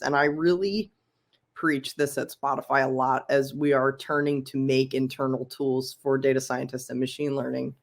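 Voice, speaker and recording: Chatty woman from Philadelphia. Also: a bass voice. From Philadelphia, USA. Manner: chatty, frequent ums, laughs easily. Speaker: podcast guest, UX researcher. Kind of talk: casual interview chat.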